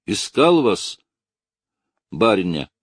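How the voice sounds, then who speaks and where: A humble, simple soldier orderly who answers deferentially and a little sheepishly, played by a male storyteller. His voice is husky and sits above the narrator's low base. It is recorded close and dry. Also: very animated, takes it slowly, no echo, exaggerated voice.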